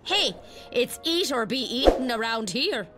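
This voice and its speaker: A woman with a British accent voicing a cheeky, sporty female deep-sea fish in an educational cartoon, playful and colloquial. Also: animated, a little slow, loud music behind the voice. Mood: chatty.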